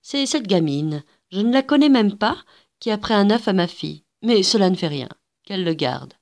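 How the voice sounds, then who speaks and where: A woman's voice: mid-range voice, animated, normal speed, a little mellow, lightly acted. A woman reading a story aloud and voicing a haughty mother who speaks curtly and with indignation. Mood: dismissive. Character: haughty tall mother, dismissive.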